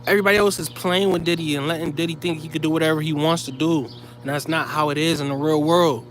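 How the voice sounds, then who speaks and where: A man's voice: on the high side, steady tone, fast talker, fairly bright tone, slight background noise. A man delivering heated, profane commentary straight to his viewers, blunt and scolding.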